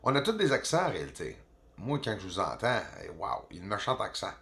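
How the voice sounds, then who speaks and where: A man whose native language is English, speaking French with a Quebec accent as a channel host, giving casual, animated commentary over video footage. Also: on the low side, fast talker, gravelly. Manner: animated, exclaiming, chatty, peppered with filler words.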